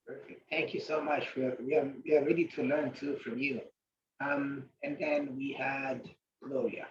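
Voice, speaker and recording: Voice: medium pitch, little pitch movement, moderate pace, noisy background. A meeting host on a video call who talks with many restarts and fillers. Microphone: video call from a distant computer mic. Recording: muffled distant video call audio.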